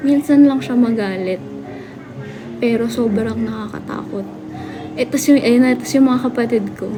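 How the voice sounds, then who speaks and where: A young woman from the Philippines hosting a live stream, telling a story casually to her chat and acting out family members' shouting. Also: on the high side, moderate pace, over music. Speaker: livestream host.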